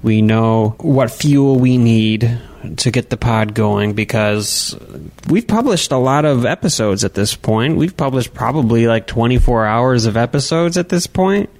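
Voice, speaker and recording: A man's voice: mid-range voice, animated, unhurried, a little mellow. A young man hosting a casual comedy podcast into a studio microphone, rambling and joking with mock exasperation. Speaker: podcast host.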